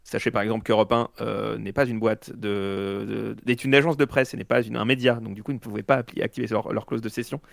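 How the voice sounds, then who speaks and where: A man's voice: lowish voice, fairly even intonation, quick pace, creaky, hardly any pauses, dry recording, clean studio sound. A man with a slight lisp, his s slushing toward sh, discussing news in a casual, slangy way with sarcastic asides. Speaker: panelist.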